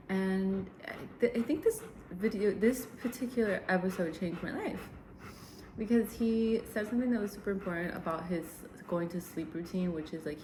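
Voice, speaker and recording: A woman's voice: lowish voice, a little mellow. A woman vlogging casually at home, thinking aloud in a rambling way with fillers and restarts. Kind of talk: casual talking-head vlog. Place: home with dogs nearby. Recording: echoey room with faint noise.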